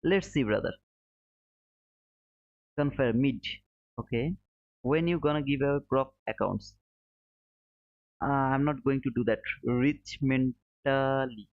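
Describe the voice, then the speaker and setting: A friendly, chatty man from Bangladesh hosts a casual livestream, reading viewer chat aloud, calling people "brother," and saying "boom." His mid-pitched voice moves slowly with long pauses. The mic sounds dull, slightly muffled, and dry, with no room sound.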